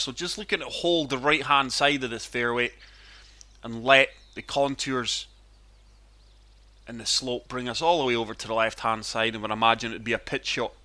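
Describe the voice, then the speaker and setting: Guy with a bad chest cold, wheezy but bright voice, chatting casually thru a golf game for his channel. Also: mid-range voice. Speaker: gaming channel host and player.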